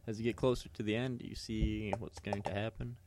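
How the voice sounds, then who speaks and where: A man with a fairly low voice co-hosts a casual sports podcast. He rambles along, doubling back on himself with plenty of fillers and restarts. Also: level tone, a little fast, a little mellow, slight background noise. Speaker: podcast co-host.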